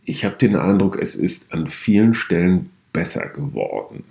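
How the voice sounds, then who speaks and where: A male podcast host from Westphalia with a lowish voice. His pitch swings widely as he asks wry, teasing questions. The tone stays casual throughout. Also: big pitch swings, moderate pace, gravelly, darkish tone. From Westphalia, Germany.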